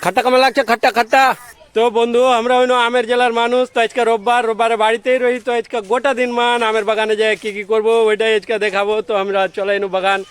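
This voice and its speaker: A man's voice: very high-pitched, little pitch movement, very fast, smooth. A young man from Malda with a local Bengali accent, chatting casually in a vlog from a mango orchard and calling out to friends and kids. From Malda, West Bengal. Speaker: vlogger.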